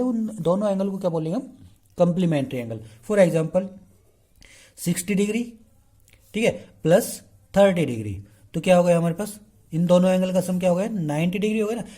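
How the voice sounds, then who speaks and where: A man's voice: sits high, warm tone. A man teaching a math lesson. He mixes Hindi with English math terms, asks the class questions and answers them himself, and keeps checking in with the students. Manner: keeps checking in with the class by saying "okay" again and again; slow and drawn out while writing on the board. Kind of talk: explaining a lesson.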